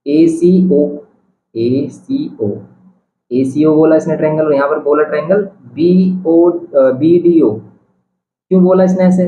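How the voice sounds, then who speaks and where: A man's voice: on the high side, warm tone. A man teaching a board-exam geometry lesson, who talks students through each step, repeats the key points and tells them not to worry. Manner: reassuring, repeats key steps aloud. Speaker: math teacher. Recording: dull, slightly roomy with faint hiss.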